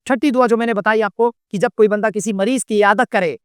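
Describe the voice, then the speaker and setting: A man delivers a sermon in a high, bright voice that stays smooth and clear. He keeps asking the crowd questions and answering them himself. The sound is dry and close, with slow, careful Arabic recitation. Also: fairly even intonation, dry recording. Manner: recites Arabic supplications slowly and deliberately. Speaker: Islamic preacher. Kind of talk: sermon lecture to a gathering.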